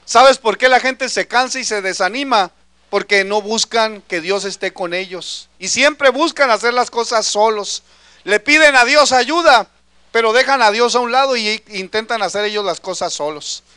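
A man with a very high, bright voice preaches a sermon. His tone is clear and resonant, and the recording is dry and close. He speaks earnestly and calls his listeners brother. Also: moderate pace, no room sound.

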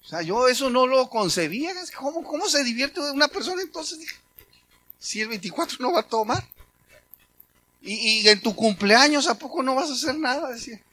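A man's voice: very high voice, moderate pace. A middle-aged man with a Mexican Spanish accent giving a sermon testimony, telling stories and quoting conversations in a chatty way. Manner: conversational storytelling, animated quoting. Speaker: preacher.

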